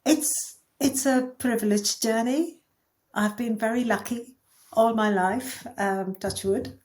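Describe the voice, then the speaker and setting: A woman from India, co-founder of an agency, appears as a podcast guest in a reflective conversational interview. She speaks slowly in a slightly high, darkish voice, thoughtful and candid, with light laughs along the way.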